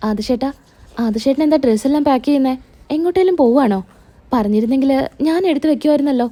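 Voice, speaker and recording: A woman's voice: sits high, quick pace, warm tone, natural voice. A woman voicing a hurt young wife in a spoken serial recap, pleading and upset. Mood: anxious.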